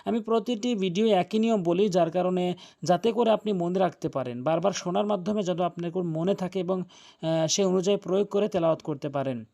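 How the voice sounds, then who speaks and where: Guy with a high voice teaching quran reading, goes letter by letter, really insistent. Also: fairly quick, gravelly, warm tone. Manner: earnest, emphatic, drills pronunciation letter by letter. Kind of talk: religious lesson on Quran recitation.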